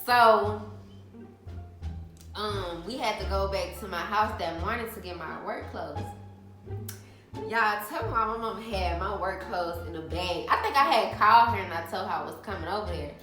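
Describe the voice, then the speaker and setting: A woman's voice: mid-range voice, moderate pace, music in the background. Chatty young woman, echoey room. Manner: animated, chatty, addresses viewers as y'all. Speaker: vlogger. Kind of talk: casual storytelling to camera.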